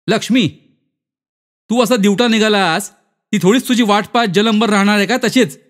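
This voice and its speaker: A man's voice: high voice, fairly even intonation, normal speed, a bit bright, voice pushed up. A man voicing a coarse, mocking male village servant who taunts in rustic dialect. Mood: taunting.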